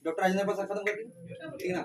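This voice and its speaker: A man's voice: sits high, animated, very fast, vocal fry, recorded from a distance, heavy background noise. A male teacher lecturing and drilling a class, repeating questions and calling students beta. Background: students answering.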